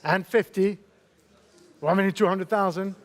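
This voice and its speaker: A male fine art auctioneer with a high-pitched voice calls a live sale. He repeats the figures in short phrases and courteously nudges bidders with brief questions. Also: fairly even intonation, measured pace. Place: auction saleroom in London.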